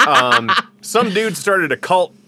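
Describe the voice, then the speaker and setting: A male podcast host with a fairly high, bright voice that jumps around a lot. He talks loosely, laughing and swearing as he goes. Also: expressive, takes it slowly, vocal fry, a little hiss or hum. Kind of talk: casual chat.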